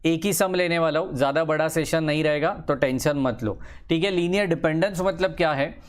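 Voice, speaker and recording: Chatty male maths tutor, repetitive. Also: fairly high pitch. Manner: repeats phrases, drawls words slowly while writing; encouraging, chatty asides to students. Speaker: engineering maths teacher. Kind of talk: casual Hindi-English lecture.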